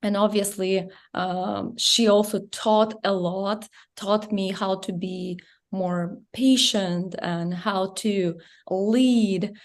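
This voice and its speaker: A middle-aged woman with a Russian accent tells her personal story as an interview guest. Her English is earnest and a little halting. Her voice sits at an ordinary middle pitch. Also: fairly even intonation. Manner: earnest, halting non-native phrasing.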